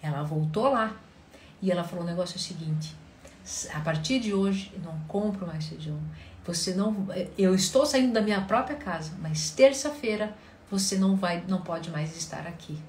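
A woman therapist addresses her audience in a lively storytelling manner and voices her client's words as she goes. Her voice sits in a roomy space with noticeable echo and a faint hum of background noise. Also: on the low side, moderate pace. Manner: animated storytelling, acts out client quotes. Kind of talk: talk to an audience.

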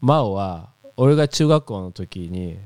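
A man's voice: sits low, expressive, a little slow, a little mellow, clear, resonant tone, no echo. A man whose first language is Japanese, speaking Spanish with a Japanese accent, co-hosting a casual podcast with short questions and replies. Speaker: podcast co-host. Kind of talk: casual bilingual chat.

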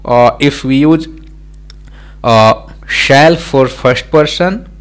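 A man's voice: mid-range voice, drawn-out words. A man teaching grammar in a patient, repetitive lesson, walking through examples one by one with frequent fillers and "right?" checks. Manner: repetitive, explains step by step with many examples and fillers. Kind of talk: explanatory lesson.

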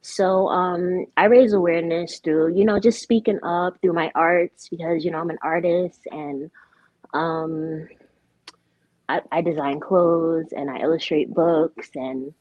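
A young woman talks candidly in a relaxed interview, her voice sitting a little low. The recording is dry and close, with a dull, lo-fi tone. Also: a little slow, no room sound. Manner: candid, outspoken. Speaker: guest, artist. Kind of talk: casual interview.

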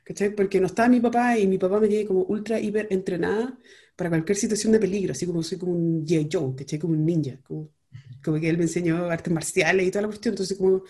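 Chilean woman vlogger, casual slangy storyteller, mellow warm tone. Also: fairly low pitch, steady tone, quick pace. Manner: chatty, rambling, heavy slang and fillers.

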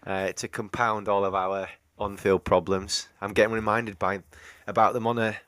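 A man co-hosts a casual football podcast over a remote call, hesitating and repeating words as he thinks. His voice is lowish and a bit bright, with a level tone at normal speed, in a dry, studio-quality recording.

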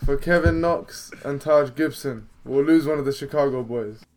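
A man's voice: medium pitch, normal speed, a little mellow, low-quality recording. A young man co-hosting a casual sports chat, teasing and slangy in his banter. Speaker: podcast co-host.

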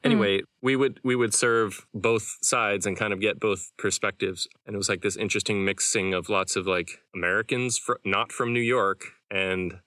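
A man's voice: lowish voice, moderate pace, hardly any pauses, no room sound, clean studio sound, far from the mic. A young man co-hosting a podcast, talking in a loose, rambling way with lots of filler words. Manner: relaxed, rambling with many "like" fillers. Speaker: podcast co-host. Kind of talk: casual chat.

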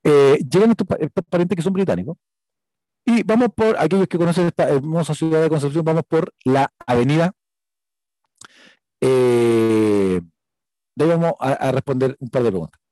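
A Chilean man preaches in an easy, talkative way, often asking his listeners "right?" as he goes. His voice sits a little high but sounds mellow and dark. The recording is dry and close. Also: normal speed, no echo, poor audio. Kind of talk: conversational sermon with a personal story.

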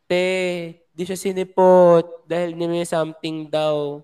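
A Filipino man with a smooth, clear voice pitched a little high chats playfully on a podcast, dropping gossipy asides as he recaps the story. He sounds like a co-host talking easily with friends. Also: little pitch movement, unhurried, dark tone. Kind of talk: casual chat recapping a series.

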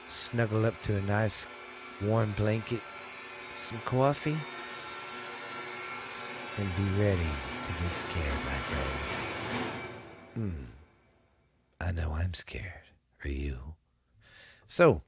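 Loud music plays behind a podcast host whose voice is stuffy from a sinus cold. He speaks slowly with lively intonation and frequent pauses, rambling casually and slipping into low, spooky whispers at times.

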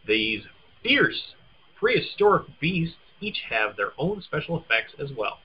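A man's voice: a little high, big pitch swings, moderate pace, slightly rough, lo-fi sound. A man co-hosting a casual chat, playfully teasing and reading game blurbs aloud. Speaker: podcast co-host.

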